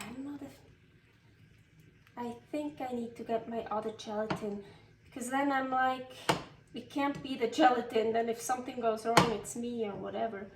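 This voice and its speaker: A little high in pitch, a woman from Switzerland speaks Californian English with a Swiss tint while hosting a cooking vlog. She rambles casually and self-deprecatingly in her home kitchen, exclaiming as things go wrong in her unscripted chat. The sound is roomy, picked up by a distant mic with faint noise.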